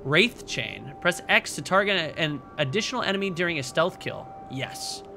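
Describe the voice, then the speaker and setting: A man's voice: fairly high pitch, sing-song, moderate pace, vocal fry. A man in his twenties giving casual, slangy, sweary let's play commentary. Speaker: gaming video host. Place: indoor room, seated at desk. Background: game music and sounds.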